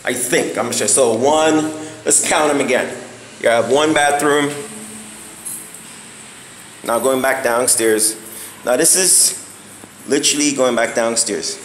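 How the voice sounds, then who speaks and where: A man's voice: mid-range voice, a bit bright, a little hiss or hum, low-quality recording. A man giving a casual walking house tour on a handheld phone camera, rambling and searching for words with many fillers. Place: empty house, indoors and on balconies.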